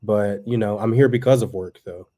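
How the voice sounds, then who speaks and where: This livestream co-host, a man in his thirties from Texas, chats casually from home and reads out viewer comments. He talks at a normal speed in a lowish voice, loose and rambling with plenty of fillers.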